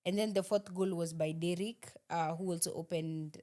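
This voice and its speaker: A woman's voice: on the low side, steady tone, normal speed, mellow. A woman with a Kenyan accent co-hosting a football podcast in casual sports chat, switching between English and Swahili.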